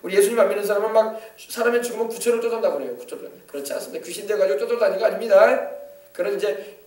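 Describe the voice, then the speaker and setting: A man's voice: high voice, rapid-fire, darkish tone, echoey room, recorded from a distance. A male pastor preaching a sermon with emphasis, often asking the congregation to confirm. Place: church sanctuary.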